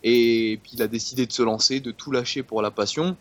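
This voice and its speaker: A man's voice: medium pitch, steady tone, fairly quick. A man, a guest football specialist on a casual podcast, rambling and repeating words. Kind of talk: casual sports podcast chat.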